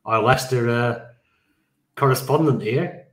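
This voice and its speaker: A man's voice: mid-range voice, a little slow. A man co-hosting a fantasy football podcast, talking in a casual, joking way. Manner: casual, swears, laughs easily. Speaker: podcast co-host. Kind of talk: casual chat. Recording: roomy echo.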